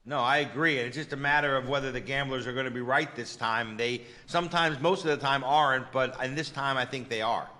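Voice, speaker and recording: A man's voice: medium pitch, brisk, hardly any pauses, pushed and bright. A man co-hosting a sports betting chat, confident, with lots of "you know" fillers and punchy catchphrases. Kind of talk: casual betting-picks chat.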